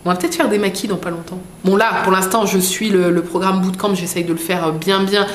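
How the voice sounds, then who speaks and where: A woman's voice: mid-range voice, steady tone, a little fast. A woman vlogger chatting casually as she unboxes products, reading labels aloud with many fillers. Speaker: vlogger unboxing a food box. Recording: echoey room with faint noise.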